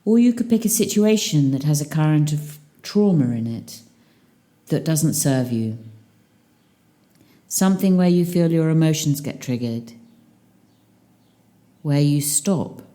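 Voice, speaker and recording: Calm and soothing, a woman teacher leads a guided meditation in a low voice. She lets long pauses fall between her phrases.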